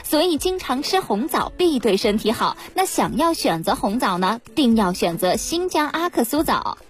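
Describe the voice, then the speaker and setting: A woman's voice: fairly high pitch, sing-song, moderate pace. A woman co-presenting a hard-sell radio shopping ad, reeling off selling points and orders.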